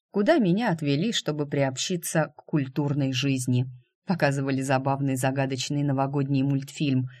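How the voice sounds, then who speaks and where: Calm man narrating a novel, dry voice. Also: fairly high pitch, no echo. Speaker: audiobook narrator. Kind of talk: first-person novel narration.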